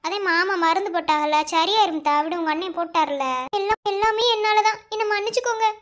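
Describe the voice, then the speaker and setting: Woman doing very high-pitched Madurai cartoon girls. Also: a bit bright. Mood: tearful. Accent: Madurai Tamil. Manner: scolding, quick village slang. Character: young village women of a family, bickering and tearful. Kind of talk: animated family cartoon dubbing.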